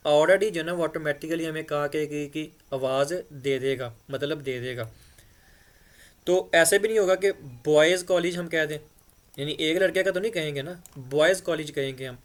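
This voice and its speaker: Patient male grammar teacher at a board. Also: fairly high pitch. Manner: patient, repeats "ठीक है" often. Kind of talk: explanatory board lesson.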